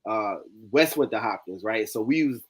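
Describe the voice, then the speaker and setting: Animated slangy man in his forties. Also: lowish voice, normal speed, slightly rough. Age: 40s. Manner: animated storyteller, slangy and conversational. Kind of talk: casual chat. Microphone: video call.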